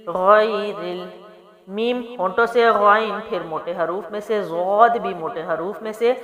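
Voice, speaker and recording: A woman's voice: medium pitch, a bit bright, lo-fi sound. Patient woman teacher in echoey room. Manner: patient, explains each letter then recites in slow melodic chant. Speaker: Quran recitation teacher. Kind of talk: tajweed lesson, spelling out letters then chanting verses slowly. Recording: echoey room with long reverb.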